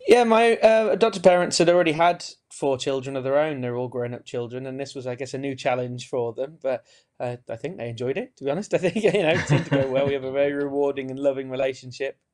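A man speaks over a webcam from a small room at home. His pitch is middling, and he tells his story in a frank, relaxed way, with the odd light laugh. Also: quick pace. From Romania. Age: 30s. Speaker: interview guest. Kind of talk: recorded video-call interview. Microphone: webcam on a video call.

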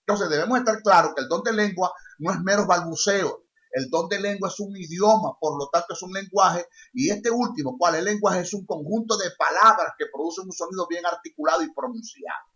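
A man's voice: high-pitched, brisk, sharp tone. A male preacher teaching a sermon emphatically, repeating his key phrases. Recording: dull lo-fi sound.

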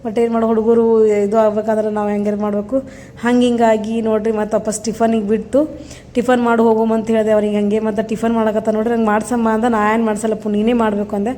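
Fast-talking North Karnataka mother. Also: a little high, little pitch movement, dark tone, a little hiss or hum. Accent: North Karnataka Kannada. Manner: chatty, keeps saying "see" to viewers. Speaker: mother vlogger. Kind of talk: casual vlog narration.

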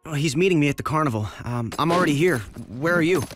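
A wisecracking teen superhero. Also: male voice, a little high, expressive, no echo. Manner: quick joking banter, sarcastic quips. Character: wisecracking teenage male superhero. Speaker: voice actor.

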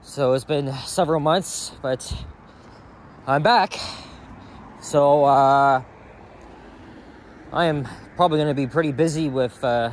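This is a casual walking vlog from a young man speaking at medium pitch, rambling as he holds a camera outdoors on a city sidewalk. Traffic noise from cars and the street surrounds him.

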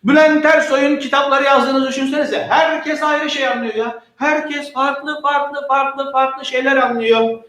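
A man with a strikingly high voice gives an exam-prep lecture. He is animated and playful, uses slang, and keeps asking questions and answering them himself. The sound is roomy and echoey. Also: a little slow, few pauses. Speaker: teacher. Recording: echoey room.

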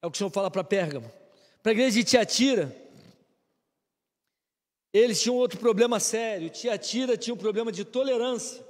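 Brazilian male pastor, emphatic sermon, high voice, reverberant church hall. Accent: Brazilian Portuguese. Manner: emphatic preaching with repeated short commands. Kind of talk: live-streamed sermon. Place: church sanctuary.

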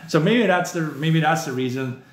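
A man's voice: on the high side, lively intonation, normal speed, roomy sound. Man chatting on a live stream. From southern Netherlands. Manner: rambling, opinionated, many "you know" fillers. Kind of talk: casual live stream chat reading viewer comments.

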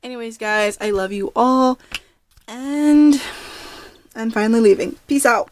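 A woman's voice: on the high side, unhurried, a little hiss or hum. A young woman vlogging in a casual, rambling and apologetic way. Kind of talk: casual vlog chat.

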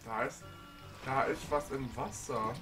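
A man giving jokey, animated commentary while playing a game. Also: medium pitch, a little slow, music in the background. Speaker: let's play gamer. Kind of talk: casual gameplay commentary.

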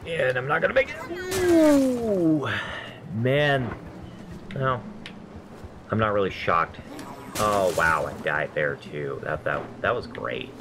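Very animated yet slow, with long pauses, this medium-pitched, nasal-voiced man chats casually while playing a game, against background noise. His let's-play commentary rambles between stories, turns self-deprecating, and includes swearing at his mistakes and deaths.

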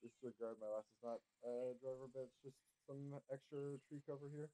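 A man's voice: mid-range voice, steady tone, fairly quick, warm tone, low-quality recording. A man on a headset leading a squad in a military game, making clipped, procedural radio calls.

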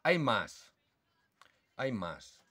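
The voice is mid-range, sing-song, pushed and bright, with a husky edge. A birdsong judging instructor with a Spanish (Spain) accent, he lays out the rules for judging songbird calls slowly and deliberately, mimicking the calls aloud.

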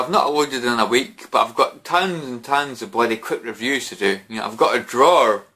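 This young British vlogger is drunk in his small bedroom, chatting to the camera in a repetitive, rambling way and dropping "you know" a lot. He has a mid-range voice that is bright, forceful, and slightly rough.

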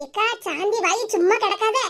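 A woman with a Tirunelveli Tamil accent voicing the chatty, teasing older women of an animated cartoon. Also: very high voice, normal speed.

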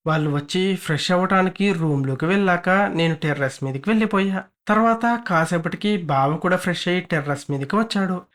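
A man with a high-pitched voice narrates a first-person audio story. His delivery is steady and even.

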